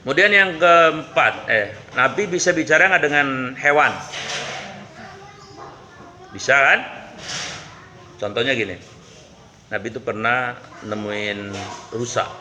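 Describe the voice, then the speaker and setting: A man's voice: medium pitch, slow, long pauses, sharp tone. A male Islamic preacher giving a casual, humorous sermon and asking his listeners questions. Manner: humorous, conversational, asks the audience questions.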